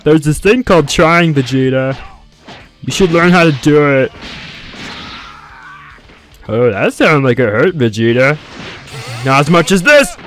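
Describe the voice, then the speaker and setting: A man puts on an impression voice of a big cartoon villain brute, vain and childishly playful. He taunts in slow, wildly swooping, fairly high tones over faint game music. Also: lively intonation, fairly bright tone. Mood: mocking.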